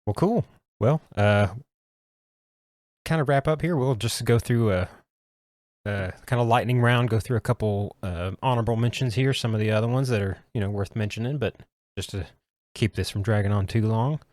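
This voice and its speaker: A man's voice: fairly low pitch, moderate pace, darkish tone, dry recording, clean studio sound. A man hosting a casual podcast, talking in an easygoing, hesitant way with many fillers. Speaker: podcast host. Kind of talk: casual chat.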